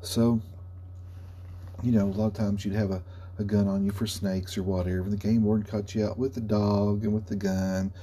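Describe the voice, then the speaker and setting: A man's voice: on the low side, little pitch movement, moderate pace, warm tone, slightly rough. A man, telling a casual anecdote in a rambling, folksy, self-correcting way. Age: 40s. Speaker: storyteller. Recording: noticeable background hum and noise.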